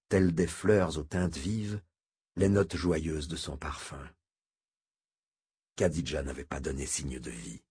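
A man reading a novel aloud in a measured, steady narration. His voice is low and deep, with a heavy husky grain running through every line. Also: no echo, clean studio sound. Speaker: audiobook narrator. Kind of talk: scripted narration.

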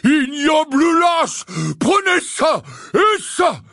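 Enraged giant of a man, slow bellowing roar, a male reader voicing it. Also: extremely high pitch, expressive, no echo, studio quality, voice pushed up, exaggerated voice. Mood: furious. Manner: bellowing, drawn-out shouting. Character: huge enraged male half-giant gamekeeper.

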